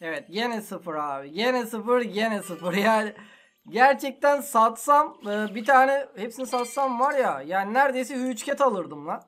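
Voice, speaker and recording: A man's voice: extremely high pitch, lively intonation, unhurried, a bit bright, slight background noise. A man hosting a gaming channel, giving casual gameplay commentary in an exasperated, complaining, slangy way.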